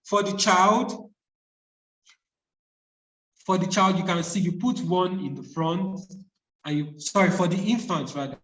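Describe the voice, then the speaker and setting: Higher-pitched male trainer in an echoey room. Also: measured pace, long pauses, a bit bright, lo-fi sound. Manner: instructive, repeats key points. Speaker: first aid trainer. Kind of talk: live hands-on demonstration, narrating each step. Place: indoor room, speaking away from the mic. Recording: echoey room, distant microphone.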